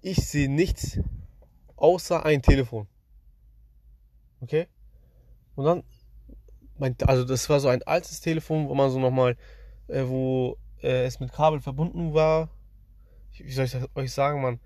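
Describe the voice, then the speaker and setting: A man's voice: medium pitch, fairly even intonation, measured pace, pauses often, mellow, no room sound. Slangy young man telling dreams. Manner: slangy, rambling, addresses the audience. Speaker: streamer. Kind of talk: casual storytelling to viewers.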